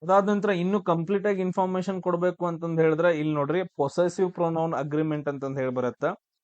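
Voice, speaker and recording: A man's voice: a little high, fairly even intonation, fast, darkish tone, no echo, dull audio. A man teaching exam grammar, asking and answering his own questions. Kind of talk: classroom-style grammar lesson.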